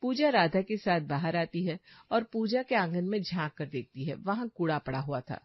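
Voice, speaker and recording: A woman's voice: fairly low pitch, animated, moderate pace, no room sound, highs cut off. Woman narrating a cartoon story.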